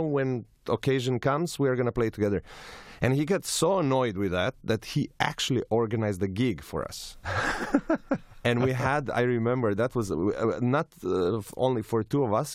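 A man from Serbia, a violinist and studio guest, telling animated stories with some hesitations. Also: medium pitch, no echo. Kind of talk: storytelling in an interview.

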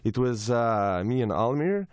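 A man from Serbia, a violinist and studio guest, telling animated stories with some hesitations. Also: medium pitch, measured pace, clear, resonant tone, no room sound. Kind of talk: storytelling in an interview.

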